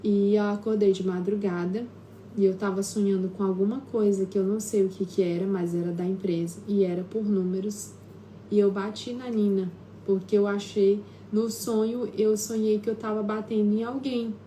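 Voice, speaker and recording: Mellow-voiced Brazilian woman telling a story. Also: mid-range voice, level tone, moderate pace, slight background noise. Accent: Brazilian Portuguese. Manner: conversational, with frequent tag questions and filler hesitations. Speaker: self-healing therapist hosting a live stream. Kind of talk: casual live-stream talk, personal storytelling. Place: at home.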